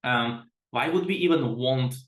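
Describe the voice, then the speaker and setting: A man's voice: medium pitch, measured pace, roomy sound. A man from the Czech Republic giving a webinar presentation as a product director, chatty and self-deprecating, often restarting his sentences.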